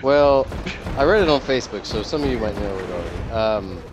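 A man's voice: fairly low pitch, animated, fairly quick, highs cut off, music in the background. A man in casual party chat while gaming, telling a long joke and acting out the quoted lines. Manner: rambling storyteller, acts out quoted lines. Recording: game sounds behind, noisy. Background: gunfire and game ambience.

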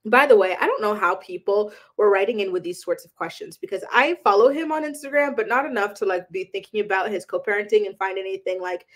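This celebrity gossip host talks fast with few pauses, her voice sitting in the middle range. Her casual, opinionated chatter is sprinkled with plenty of "um" and "like."

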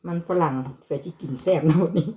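A woman's voice: fast talker, background noise. A mother with an Isan accent chatting casually while she cooks, mixing Isan and Thai with her child. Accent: Isan (Northeastern Thai). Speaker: vlogger mother. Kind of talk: casual chat while cooking. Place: home kitchen.

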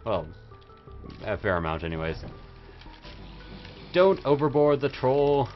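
Very animated but slow-paced, a young man with a mid-range voice livestreams himself playing a video game, joking around like a rowdy, tipsy party animal. He holds the microphone close to his face. Game music plays under the dull, lo-fi stream audio.

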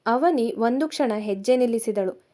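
A woman narrating a romance story in a calm, measured storytelling manner. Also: fairly high pitch.

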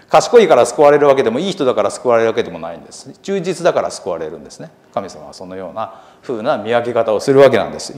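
A lively, emphatic Japanese preacher. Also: male voice, medium pitch. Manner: earnest, emphatic, slows for scripture readings. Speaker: seminary lecturer preaching. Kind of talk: sermon. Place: church.

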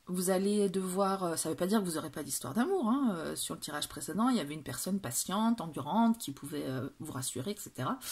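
A woman's voice: on the low side, breathy edge. A woman doing a casual tarot reading for viewers, talking with many hesitations and restarts. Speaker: tarot reader.

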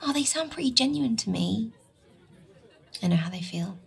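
A husky, encouraging woman. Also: a little high, lively intonation, moderate pace, some chatter behind, heavily acted. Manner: encouraging, reassuring. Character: supportive upbeat young woman coaching a friend.

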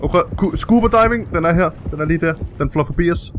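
A man hosting a co-op game session, commentating excitedly, swearing and yelping whenever something startles him. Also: a little high, a little hiss or hum. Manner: jumpy, swears and yelps when startled. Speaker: let's play host.

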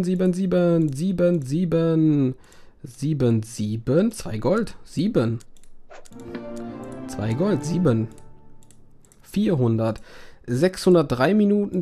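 A man's voice: on the high side, a little mellow. A man doing let's play commentary on a browser game, swearing and groaning at it with sudden dramatic outbursts, his voice strained from talking for hours.

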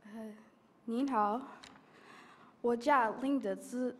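Slow, halting American teenage girl speaking learner's Mandarin. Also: a little high. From United States. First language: English. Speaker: high school student contestant. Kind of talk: prepared contest speech. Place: auditorium stage at a podium. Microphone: podium microphones.

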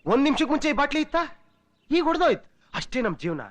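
Taunting young cynic, preachy, fast and jumpy, music under him. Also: male voice, big pitch swings. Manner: taunting, preachy, wild swings of pitch. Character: brash cynical young man mocking all morals. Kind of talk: film dialogue.

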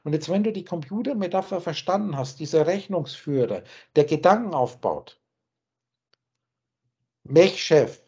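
A man's voice: a little high, lively intonation, unhurried, pauses often, a little mellow, husky. A man teaching spiritual ideas on a video call, emphatic and insistent, often repeating his key points. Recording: muffled lo-fi call audio.

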